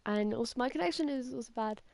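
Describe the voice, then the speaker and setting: Halting woman reading aloud. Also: fairly high pitch, gravelly, darkish tone, no room sound. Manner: halting, with many restarts and self-corrections. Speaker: streamer. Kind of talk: casual reading of a horror story on a game stream.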